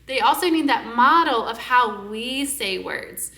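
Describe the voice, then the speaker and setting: A young woman speech-language pathologist giving parenting tips in a lively way and singing nursery songs with big, exaggerated delivery. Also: fairly high pitch, measured pace. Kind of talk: parenting tips with sung demonstrations. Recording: echoey room.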